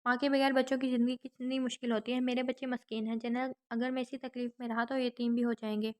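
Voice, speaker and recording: A woman's voice: on the high side, flat delivery, a little mellow, close to an everyday voice. Brief: remorseful young man, read by a woman, pleading and broken, audiobook novel.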